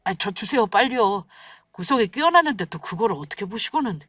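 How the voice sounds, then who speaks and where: A woman's voice: medium pitch, very animated, a little fast, a bit bright, no room sound, studio quality. A woman voicing an earnest, protective young husband in a radio story, speaking firmly and defensively. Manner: firm, pleading, defensive. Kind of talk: scripted radio story acting.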